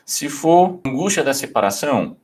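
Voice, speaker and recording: A man's voice: on the high side, sing-song, normal speed, darkish tone. A man explaining baby sleep techniques to parents, asking rhetorical questions and repeating his points. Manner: repetitive, rhetorical questions, restarts.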